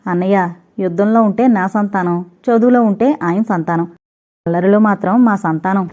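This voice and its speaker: A woman voicing a lively, teasing young married woman who chats quickly and playfully. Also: mid-range voice, natural voice. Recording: tinny, phone-like recording.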